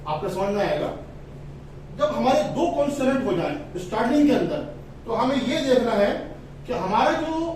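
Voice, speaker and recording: A man teaching English phonics in a lesson, spelling out letters slowly and stressing the vowel sounds. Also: very high voice, darkish tone, slight background noise. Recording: echoey room, voice from a distance, faint ambience.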